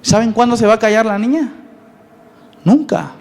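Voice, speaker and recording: A man with a Mexican accent preaching a sermon as pastor, lively and conversational, asking his listeners questions. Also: high-pitched, moderate pace, gravelly. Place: church. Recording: long reverb in a church hall.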